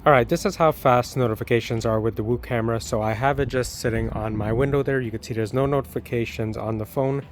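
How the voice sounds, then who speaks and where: A man's voice: medium pitch, steady tone, fast, hardly any pauses, a little hiss or hum. Man narrating a conversational product review. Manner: explanatory, informal.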